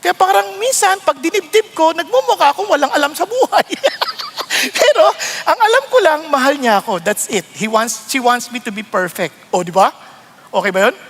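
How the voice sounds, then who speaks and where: A middle-aged man with a Filipino accent delivers a lively sermon in a high, bright voice. He keeps it playful, laughing often and swinging his pitch up and down as he acts out everyday arguments. His tone stays sharp and forward. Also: fairly quick. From Philippines. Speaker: pastor. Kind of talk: animated Taglish sermon.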